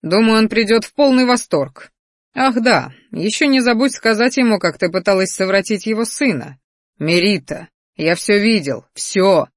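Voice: mid-range voice, animated, normal speed, dry recording, studio quality, lightly acted. The narrator voicing a cold, stern male rector, a water mage who speaks with steel in his voice. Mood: mocking.

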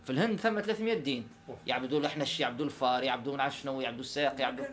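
A man giving an informal religious lesson, animated and quick, breaking into recited verses. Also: mid-range voice, soft background music. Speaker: religious teacher.

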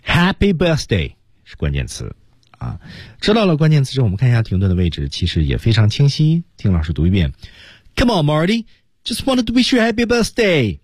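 A man's voice: deep voice, wildly swooping pitch, fairly quick, darkish tone, slightly rough, no room sound. A man teaching English on a radio lesson, explaining phrases and acting out example lines with big swings in intonation. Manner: demonstrates English lines with exaggerated rising intonation.

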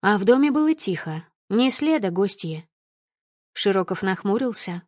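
A woman's voice: medium pitch, lively intonation, normal speed, a little mellow, no echo, clean studio sound. A woman narrating an audiobook in the first person with intense, emotional reading.

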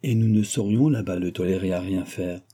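A man voicing a young noble lady who speaks gently but firmly, in a measured way. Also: low voice, husky. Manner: measured, firm and kindly.

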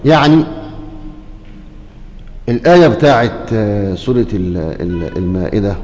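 A man's voice: lowish voice, lively intonation, normal speed, darkish tone. A man with an Egyptian Arabic accent giving a Quran commentary lesson. He speaks straight to his listeners, keeps checking that they follow, and breaks into chanted recitation. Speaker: Quran teacher. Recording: echoey hall with long reverb.

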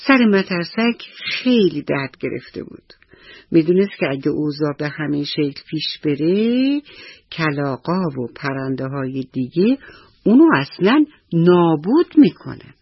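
A man narrates a children's bedtime story for radio, often turning to speak to the young listeners. His voice sits fairly high and a little husky. The studio recording is dry and dull. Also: sing-song, dry recording. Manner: warm address to children.

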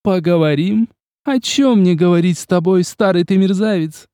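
A man's voice: high voice, a little slow, warm tone, no echo, studio quality, voice pushed up. A man voicing a small, playful female vampire countess who mocks and teases in a sarcastic, flirtatious way. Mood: mocking, playful. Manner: teasing, sarcastic, coquettish.

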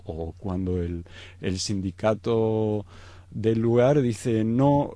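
Searching for words and often adding tag questions, a middle-aged man from Egypt explains things hesitantly as a guest in an unscripted interview. His voice is on the low side and dark-toned with vocal fry, recorded without echo.

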